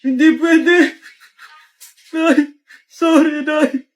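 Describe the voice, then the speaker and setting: A woman with a very high, bright voice acts out short comic skits. She plays every part herself and jumps quickly from one character to the next. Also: steady tone.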